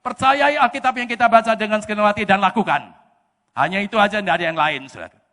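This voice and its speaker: A male pastor with a Javanese-inflected Indonesian accent preaching a sermon in church, animated and often bursting into shouts. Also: sits high, fast talker. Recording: echoey church hall reverb.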